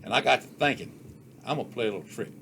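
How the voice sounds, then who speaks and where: An older man telling funny stories from his childhood in a folksy, unhurried way. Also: medium pitch, animated, gravelly, sharp tone, a little hiss or hum. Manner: folksy, unhurried yarn-spinning with rural Southern US speech. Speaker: storyteller. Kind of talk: casual storytelling.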